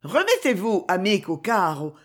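A reader voicing a queen in a historical novel, speaking with gravity and a sinister calm, in a lively, slightly husky voice. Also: mid-range voice, normal speed. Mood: grave, calm. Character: queen, grave, calm and coldly menacing woman. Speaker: character in a read novel. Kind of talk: audiobook reading.

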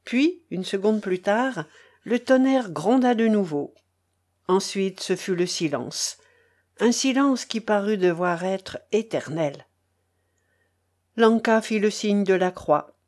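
A woman reading a novel aloud as narrator, measured and dramatic. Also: medium pitch, animated, darkish tone.

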